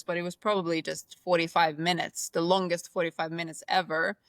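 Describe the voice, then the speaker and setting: A woman in her forties, born in Spain, co-hosting a podcast and telling personal stories in a candid, animated way. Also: on the low side, dry recording, studio quality. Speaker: podcast co-host. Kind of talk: casual chat.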